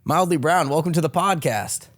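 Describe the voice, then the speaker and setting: An upbeat man from Connecticut hosts a podcast, cracking jokes and tossing "dude" into nearly every question. His voice sits somewhat higher than most men's, and he keeps the talk casual and playful. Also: expressive, normal speed. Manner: upbeat, jokey, says "dude" a lot. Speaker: podcast host. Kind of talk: casual interview.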